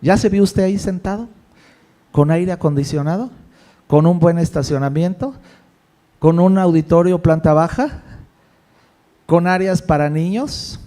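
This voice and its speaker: A male pastor preaching a sermon in a lively, conversational way, with jokes and rhetorical questions. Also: fairly high pitch, a little slow, pauses often.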